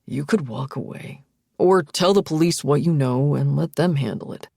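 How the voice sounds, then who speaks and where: A woman voicing a gentle, protective male friend who urges with care. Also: low-pitched, moderate pace, creaky, husky, no room sound, studio quality, full character voice. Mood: concerned.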